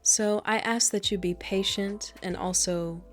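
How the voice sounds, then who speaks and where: Woman, whispered role-play, soft, proper, slightly nasal, mid pitch, faint background music. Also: measured pace. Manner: soft, proper and a little monotone; coos endearments like darling. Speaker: ASMR creator.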